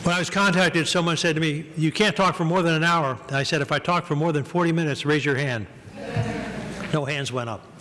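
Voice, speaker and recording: An older male guest lecturer speaking in a measured, reflective way, with gentle humor, giving a lecture and taking questions. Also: on the high side, a crowd in the background. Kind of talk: academic lecture and Q&A. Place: lecture hall. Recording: echoey hall with ambient noise.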